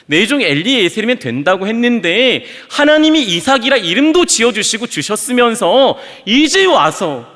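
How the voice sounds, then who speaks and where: A man's voice: high voice, fairly bright tone, long reverb tail, voice pushed up, exaggerated voice. A man voicing an anguished aging father who pleads with God and argues against His command. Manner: pleading, rising to anguished cries.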